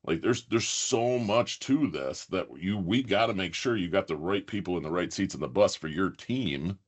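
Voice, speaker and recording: A man's voice: sits low, expressive, normal speed. A man co-hosting a business podcast, talking conversationally and often trailing off and restarting. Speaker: podcast co-host, buyer advocate. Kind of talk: casual podcast chat.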